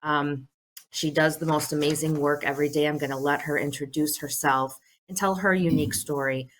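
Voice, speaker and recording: Her voice sits low and stays steady at a normal speed. She's a middle-aged American social services agency leader giving earnest prepared remarks during a telephone town hall, using "um" often.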